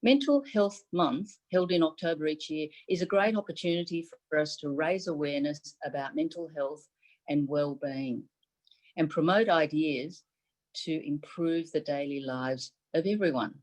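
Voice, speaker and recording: A middle-aged woman born in Taiwan, a native Mandarin Chinese speaker, gives a prepared symposium address as chief medical advisor over a video call webcam from a room at home. Her low, slightly mellow voice comes through poor audio, delivered formally and measured in short phrases.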